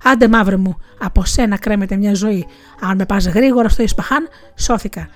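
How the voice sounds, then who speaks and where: A desperate, pleading male servant wailing to his master in a storybook tale, as a woman narrator puts him on, the voice at an everyday middle pitch with faint music in the background. he begs and laments more than he speaks. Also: natural voice. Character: terrified old Persian male servant, pleading.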